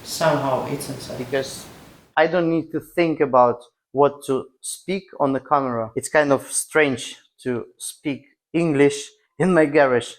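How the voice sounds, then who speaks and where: A man with a Russian accent talking casually to camera as a vlog host, in halting non-native English broken into short phrases. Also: mid-range voice, low-quality recording. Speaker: host of a car restoration channel. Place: garage.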